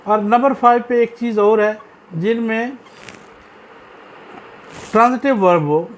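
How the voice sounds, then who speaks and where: A Pakistani-accented man gives a classroom grammar lesson in a fairly high voice. He talks at an unhurried pace, repeats terms and keeps stopping to ask whether the students understand. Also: a little hiss or hum. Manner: slow, repetitive teaching with frequent "ji" checks; addresses students fondly, reads English text aloud. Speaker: English teacher.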